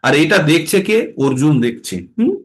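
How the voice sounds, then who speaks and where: Slow, high-voiced man teaching scripture. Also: very animated. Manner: asks questions and answers them himself; chants Sanskrit verses in a slow sung tone. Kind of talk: scripture class with chanted verses.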